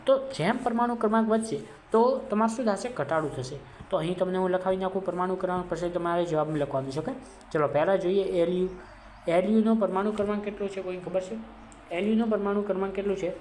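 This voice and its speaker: A woman's voice: fairly low pitch, a little mellow. A woman with a Gujarati accent teaching a chemistry revision lesson. She asks questions and then answers them herself. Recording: echoey room, faint background noise.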